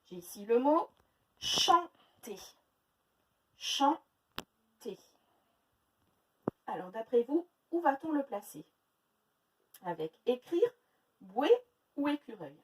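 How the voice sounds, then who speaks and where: French teacher stretching out syllables slowly. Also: female voice, high voice, very animated, recorded from a distance, poor audio. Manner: slow, exaggerated syllable-by-syllable pronunciation. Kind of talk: phonics lesson for young children. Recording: faint noise, voice a little off-mic.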